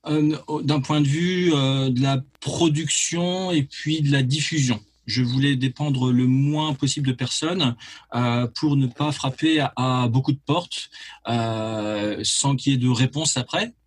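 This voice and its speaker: A man, a musician being interviewed, who talks in a hesitant, halting way with many repeats and fillers. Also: medium pitch, breathy edge. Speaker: musician and label head, interview guest. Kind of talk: casual interview talk.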